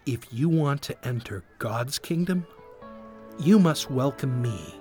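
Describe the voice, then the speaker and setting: A man voicing a kind, firm grown man teacher in a children's story, speaking slowly and carefully. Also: medium pitch, lively intonation, faint music behind. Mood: gentle. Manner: slow and stern, then soft.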